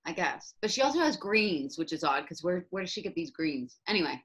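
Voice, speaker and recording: A woman's voice: on the low side, very animated, brisk, a bit bright. Playful, questioning woman in podcast chat. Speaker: podcast co-host.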